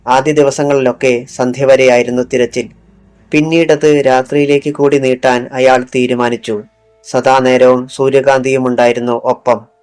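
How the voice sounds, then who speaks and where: A man reads a thriller audiobook as scripted narration, his mid-range voice a little mellow, dropping it lower for quoted lines. Faint music plays underneath.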